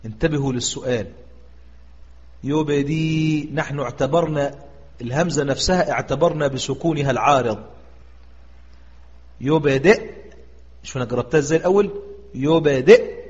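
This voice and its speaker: A man with an Egyptian accent teaching a recitation lesson, quizzing his students and drawing out example words slowly. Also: medium pitch. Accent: Egyptian Arabic. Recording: echoey, dull lo-fi audio.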